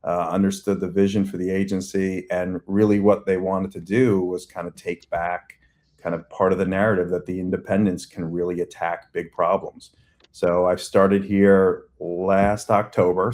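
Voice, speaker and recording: This agency CEO guest is a forties-aged man from Long Island who speaks at a normal speed in a low, somewhat mellow voice with little pitch movement. His long interview answers ramble chattily, packed with fillers and false starts.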